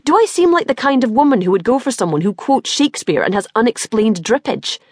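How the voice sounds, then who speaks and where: A woman's voice: fairly high pitch, very animated, brisk, darkish tone, no echo, studio quality, pitched above the performer's own voice. A woman voicing an exasperated, blunt young mother who swears freely, in an audiobook.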